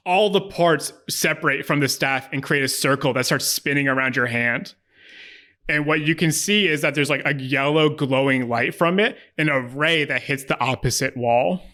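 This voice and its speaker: A man improvising narration as a tabletop game master, casual and descriptive, halting as he searches for words. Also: on the high side, pushed and bright.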